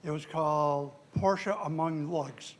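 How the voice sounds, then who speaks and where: Higher-voiced man sharing a personal story. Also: slow pace. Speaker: audience member sharing a story. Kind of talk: casual personal testimony.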